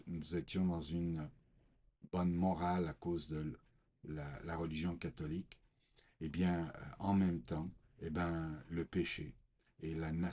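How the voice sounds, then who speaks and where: A man from Portugal gives his personal faith testimony in a deep, husky voice. He speaks slowly and haltingly, stopping often with fillers as he reads scripture and recounts his past. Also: darkish tone. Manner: slow, hesitant, many fillers.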